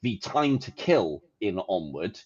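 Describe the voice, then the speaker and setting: A man co-hosting a podcast, chatting casually and profanely about games with an animated, ranting manner. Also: low-pitched, takes it slowly, husky, muffled recording. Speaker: podcast co-host. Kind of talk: casual gaming chat.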